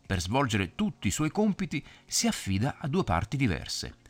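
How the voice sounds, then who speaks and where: A man reading a children's story aloud, explaining things gently as if talking to a child. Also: low-pitched.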